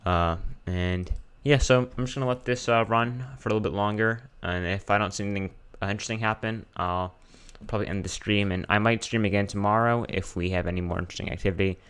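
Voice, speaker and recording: A man's voice: on the low side, fairly even intonation, fast, hardly any pauses, a bit bright, clear, resonant tone. A man giving casual live weather commentary as a streamer, informal and hesitant, often thinking aloud as he checks his screen.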